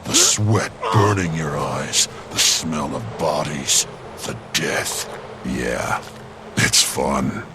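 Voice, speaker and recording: An actor voicing a huge grim, war-weary cat-beast soldier in a video game, gravelly, blunt and slow. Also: male voice, very deep voice, animated, over music, full character voice. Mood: grim relish. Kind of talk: video game character dialogue.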